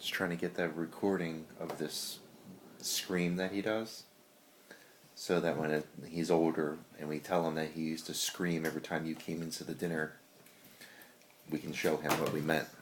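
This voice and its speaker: A man, a parent filming his toddler at the family dinner table, talking gently and patiently to the child on a home video camera. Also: extremely low pitch, level tone, normal speed, background noise. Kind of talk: casual home video chat.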